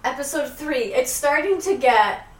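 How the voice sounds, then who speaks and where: A woman's voice: high-pitched, animated, unhurried, echoey room. A woman co-hosting a podcast in casual chat, talking with lots of fillers and acting out quotes. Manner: chatty, lots of fillers, laughs and acts out quotes. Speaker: podcast co-host.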